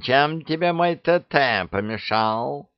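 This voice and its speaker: A man's voice: medium pitch, lively intonation, takes it slowly, clean tone, dry recording, voice pushed up. A man voicing a greedy, boastful male talking cat with an indignant, wheedling manner, on a dry, dull recording.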